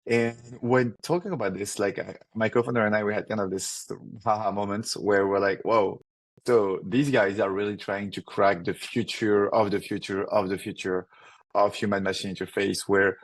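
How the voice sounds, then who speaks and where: His voice is lowish with a steady tone, recorded roughly with no room sound. He's a thirty-something French startup founder with a thick accent, answering interview questions in a casual, rapid way, filled with fillers and repeated restarts.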